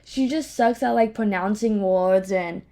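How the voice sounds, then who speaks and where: Alone in her home office, a young female podcast host with a speech impediment chats casually and rambles, candid and self-mocking. She has a mellow, mid-range voice and keeps a measured pace.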